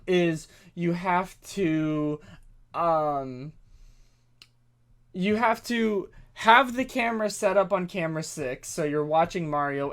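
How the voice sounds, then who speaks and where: A young man giving casual gaming commentary after beating a hard mode, excited and rambling, with many fillers and restarts. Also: high-pitched. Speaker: gaming YouTuber.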